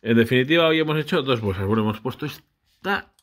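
A man's voice: mid-range voice, lively intonation, fast talker, a bit bright. A man, casually vlogging a brick build with his child, chatty and often unsure as he corrects himself.

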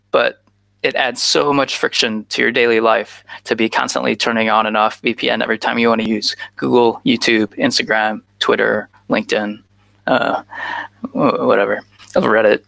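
His medium-pitched voice is gravelly, bright and forceful, captured dry over a headset on a video call. He's an American man in his thirties giving a conference talk as a guest speaker, earnest and informal with frequent "uh" fillers.

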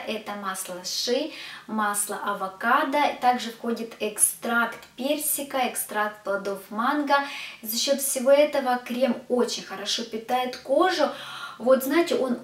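A woman's voice: on the high side, normal speed. A woman reviewing body care products to camera in a chatty way, talking to her viewers as girls. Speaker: beauty vlogger. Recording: echoey room, distant mic.

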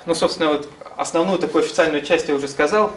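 A man's voice: a little high, fast. A man in his thirties giving an informal seminar lecture and answering questions, hesitantly searching for words as he explains. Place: small classroom-like seminar room, indoors. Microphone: camera some metres away. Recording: distant camera mic, faint room noise.

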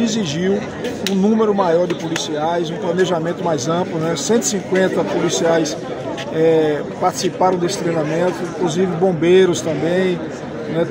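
A man in his fifties, a police commander, giving a formal, measured on-scene interview outdoors at night into a handheld mic. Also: high-pitched. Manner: formal, measured official speech. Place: outdoor city street at night among a crowd. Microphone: handheld reporter mic. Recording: loud crowd outdoors.

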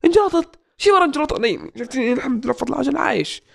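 A young man in his twenties runs a casual question-and-answer vlog from a small room. He talks fast and playfully, with a voice that swings widely up and down. He reads out the questions and jokes his way through the answers. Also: very high-pitched, expressive, creaky. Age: 20s. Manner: joking, playful, reads out comments. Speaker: YouTuber answering viewer questions. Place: small indoor room at a desk.

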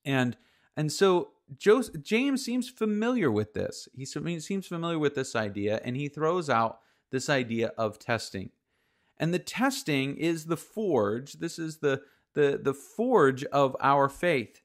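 A man's voice: on the high side, sing-song, unhurried. A man in his forties, a pastor, giving a recorded sermon from a home office into a close studio microphone, earnest and explanatory with frequent fillers and restarts. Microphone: studio microphone with headphones, close.

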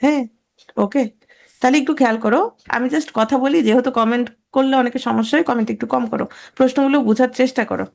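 A woman teacher giving an online grammar lecture, asking her students questions and answering them herself, and repeating key words slowly for emphasis. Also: high voice, gravelly.

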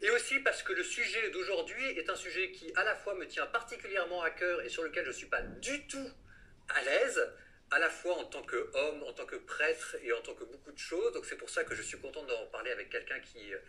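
A man's voice: a little high, lively intonation, brisk, sharp tone. A man, a priest, hosting an interview in an engaged, conversational way and asking direct questions. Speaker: priest and host. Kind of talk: interviewing a guest.

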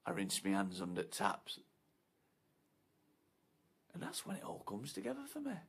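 An actor playing a foul-mouthed, menacing man obsessed with his disco night, swinging from hushed whispers to shouts. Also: fairly low pitch, wildly swooping pitch, normal speed, creaky, slightly rough, heavily acted. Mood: scornful. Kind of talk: short film monologue.

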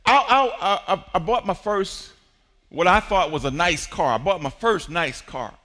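A pastor's sermon rings through a big hall with a lengthy reverb tail, his high, bright voice keeping a measured pace. He builds from hushed moments to shouting peaks, inviting call-and-response from the congregation.

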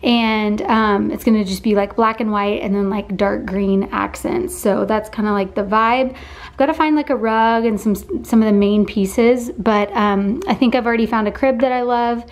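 A woman's voice: on the high side, steady tone, moderate pace. A young adult woman and pregnant mom chatting casually to the camera in a vlog, full of fillers and "like". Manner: chatty, filler-heavy, peppered with "like".

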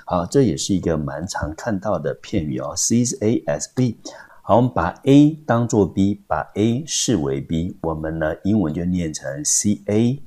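A man's voice: low-pitched, expressive, normal speed, dark tone. A man teaching English vocabulary in Taiwanese Mandarin, explaining words step by step and spelling out their syllables. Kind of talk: vocabulary lesson.

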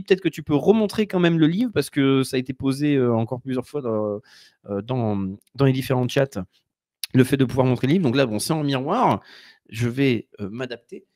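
A man's voice: medium pitch, a little mellow, no room sound, studio quality. A man hosting a live-streamed talk show, rambling and promotional as he plugs a book and introduces his guest. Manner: rambling, promotional, filler-heavy. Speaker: host.

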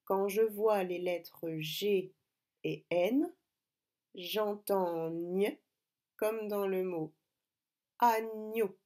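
Woman schoolteacher, mellow voice, slow deliberate phonics lesson for kids. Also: medium pitch, fairly even intonation. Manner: slow, clear, deliberate teacher talk addressing pupils. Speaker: primary school teacher.

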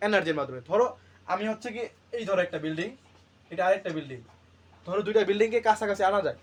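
High-voiced man teaching, quizzing himself. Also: animated, rapid-fire. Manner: asks and answers his own questions; repeats key terms to drill them. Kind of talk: classroom lecture.

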